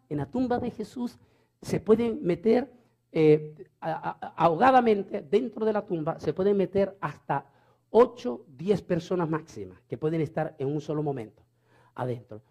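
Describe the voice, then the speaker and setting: A man's voice: sits high, animated, a little slow, dark tone. A man preaching a storytelling sermon, fervent and repeating phrases for emphasis.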